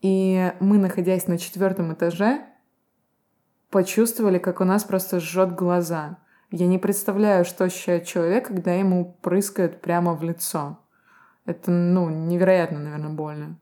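A woman co-hosting a podcast, calmly sharing reflections. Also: on the low side, normal speed. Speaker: podcast co-host. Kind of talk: podcast conversation.

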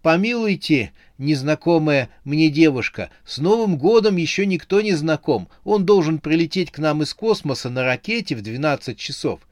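A man voicing a panicky old gray-bearded man in a storybook, talking high and flustered. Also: animated, moderate pace, hardly any pauses, no room sound, studio quality, lightly acted. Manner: high, flustered, weak protests.

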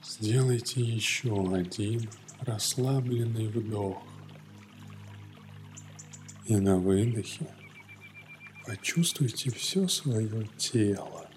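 A man narrating a guided morning meditation in a gentle, soothing yoga-teacher manner, leaving long pauses between phrases. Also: lowish voice. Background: soft music.

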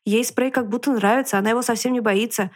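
A woman voicing a clever, brave male fox in a storybook reading, calm and reassuring, at times barking sharp orders. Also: a little high, quick pace, close to an everyday voice.

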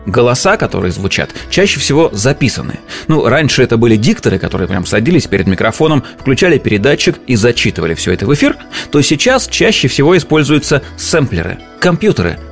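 A man narrates an informal explainer as its presenter. He sounds conversational and explanatory, in a medium-pitched voice. Music plays faintly behind him. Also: big pitch swings, quick pace, vocal fry.

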